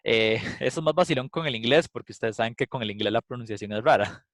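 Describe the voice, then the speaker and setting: Man, instructor, relaxed explanatory lecture, mid-pitched voice, dry close sound. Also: fast, dry recording. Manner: casual, explanatory, thinks aloud with filler "eh". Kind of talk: recorded class lecture with live demo.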